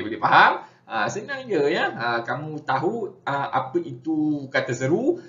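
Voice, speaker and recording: A young man with a Malaysian Malay accent teaching an online language lesson in a relaxed, chatty way, filling pauses with "ha" and "ya". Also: medium pitch. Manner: relaxed, chatty, frequent "ha" and "ya" fillers. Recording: dull echoey room recording.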